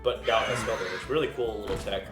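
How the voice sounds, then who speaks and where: A man's voice: on the low side, quick pace. Nasal, congested man casting a match. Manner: chatty, filler-heavy. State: under the weather, congested. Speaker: tournament caster. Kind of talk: live esports commentary. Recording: echoey room with game music behind.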